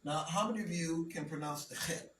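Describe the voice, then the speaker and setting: A man teaching a language lesson to a class, speaking slowly and deliberately and often checking that everyone follows. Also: fairly high pitch, a bit bright. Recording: roomy, from a distance, faint noise.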